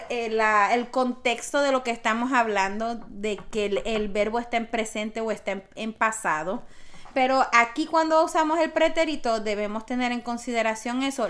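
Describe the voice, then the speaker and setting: A woman's voice: a little high, fairly bright tone. A woman teaching a grammar lesson, patiently explaining step by step with spoken examples. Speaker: Spanish teacher.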